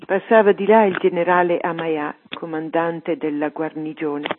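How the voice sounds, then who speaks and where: A woman reading a story aloud on religious radio in a steady storytelling manner. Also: fairly low pitch, husky. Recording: tinny phone-like radio line.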